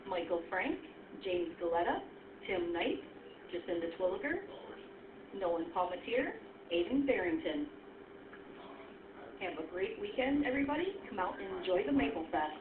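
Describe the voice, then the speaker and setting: A woman reading the afternoon school announcements over the intercom in an even, clear announcing manner. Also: mid-range voice, normal speed, pauses often, noisy background. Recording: tinny echoey loudspeaker in classroom.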